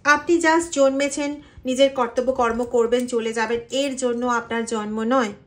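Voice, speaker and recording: A woman giving a general tarot reading to her viewers, sometimes slowing into softly chanted mantras. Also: a little high, fairly even intonation. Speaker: tarot reader.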